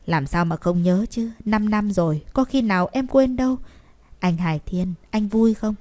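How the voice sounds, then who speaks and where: A woman's voice: mid-range voice, moderate pace, warm tone, close to an everyday voice. A woman voicing a young woman who pleads tearfully with the man she loves in a storybook reading. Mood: tender. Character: young woman pleading with her sick love.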